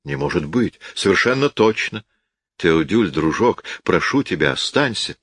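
A man's voice: on the low side, big pitch swings, measured pace, gravelly, fairly bright tone, dry recording, clean studio sound, full character voice. A man voicing a fussy, nosy elderly spinster aunt for an audiobook, with a raised, fretful tone. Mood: pleading. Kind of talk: audiobook character voice.

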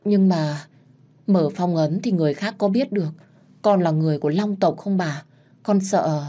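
A woman's voice: on the low side, normal speed, mellow, close to an everyday voice. A woman voicing an anxious young heroine who speaks politely to her elders.

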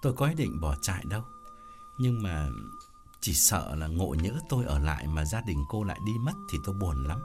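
An earnest, gentle young man in an audiobook drama, voiced by the male narrator. He talks in a measured way with a very lively, swinging pitch. Soft music runs faintly behind.

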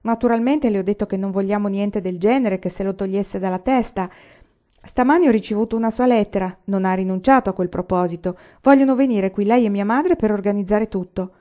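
A woman's voice: medium pitch, a little fast, dark tone, highs cut off, close to an everyday voice. A woman reading the part of an earnest young frontier man who pleads urgently and anxiously. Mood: agitated.

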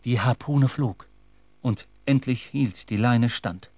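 A man narrates a radio drama in a measured, literary storytelling manner. His voice sits at an ordinary middle pitch and sounds close and dry, with no room around it. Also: a little mellow, dry recording.

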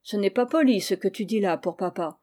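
A woman's voice: medium pitch, brisk, dark tone, natural voice. A woman reading the part of a worried, tender mother who is firm with her child, in an audiobook of a classic novel. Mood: earnest. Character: anxious, tender young mother, easily discouraged.

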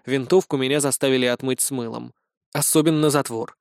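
A man's voice: medium pitch, steady tone, a little fast, vocal fry, darkish tone, no room sound, clean studio sound. Wry man narrating a comic audiobook. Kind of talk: humorous first-person audiobook narration.

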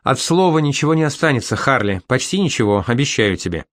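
A man reading an audiobook and voicing a calm female therapist who questions gently but insistently. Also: medium pitch, fast talker, no echo, clean studio sound, pitched above the performer's own voice, close to an everyday voice. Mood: gently probing. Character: calm, probing female therapist, middle-aged.

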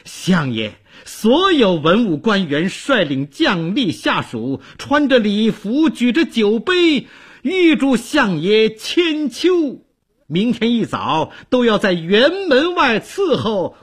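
An eager household servant, put on by a male storyteller, bursting with excitement as he reports. The voice sits high and bright-edged, with a husky grain. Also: slow pace, full character voice. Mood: excited.

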